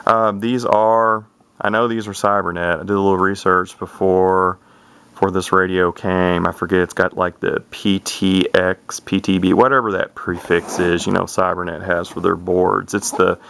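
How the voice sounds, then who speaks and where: Thinking aloud during an unboxing, a vintage CB radio collector in his thirties offers folksy, rambling, unscripted commentary. His voice sits low, gravelly yet a bit bright, and it's picked up by the built-in microphone of his handheld camera.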